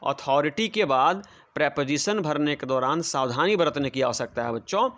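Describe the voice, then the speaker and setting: A man's voice: fairly high pitch, animated, normal speed, a bit bright. A man teaching English prepositions to children, explaining patiently and repeating each example sentence. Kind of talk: classroom lesson.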